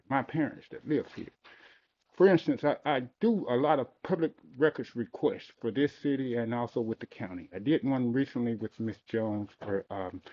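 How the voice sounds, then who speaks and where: During public comment, a man from Mississippi, USA speaks earnestly and insistently in a medium-pitched voice, pressing his points. The clip is a dull, lo-fi recording from a public meeting hall, sounding like a courtroom tape.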